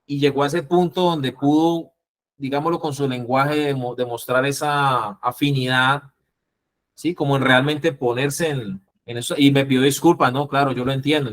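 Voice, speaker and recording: Colombian man teaching a lively class. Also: medium pitch. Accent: Colombian Spanish. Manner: lively, acts out calming phrases. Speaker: instructor.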